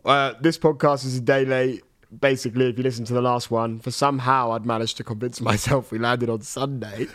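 A man's voice: medium pitch, steady tone, a little fast, fairly bright tone. A man hosting a podcast in a casual, chatty style. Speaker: podcast host. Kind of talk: casual chat.

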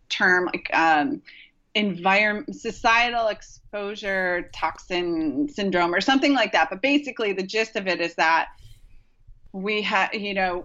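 A woman's voice: medium pitch, sharp tone, muffled recording. A woman acupuncturist talking casually as a podcast guest, rambling with many fillers and restarts. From Rochester, New York.

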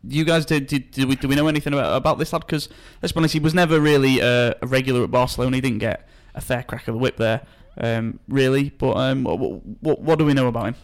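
A man hosting a football transfer podcast in casual chat, talking in quick, halting bursts with many restarts. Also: mid-range voice, steady tone. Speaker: podcast host.

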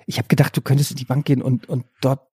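A man playing a panicky, bossy husband hiding after a bank robbery, stammering and hushing in an improvised comedy sketch. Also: mid-range voice, flat delivery, breathy edge, dry recording, studio quality. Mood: scheming. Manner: hurried, stammering, hushed bossing.

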